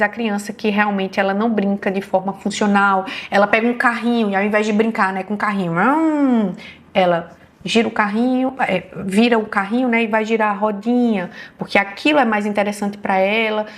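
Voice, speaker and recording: A woman's voice: mid-range voice, fairly even intonation, normal speed. A woman with a Brazilian Portuguese accent giving an online health lecture as a neurologist, explaining patiently and often checking in with her listeners.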